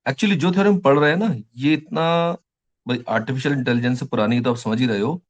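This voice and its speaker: A male teacher with an Indian English accent giving a lecture, slowly dictating English phrases word by word between explanations. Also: medium pitch.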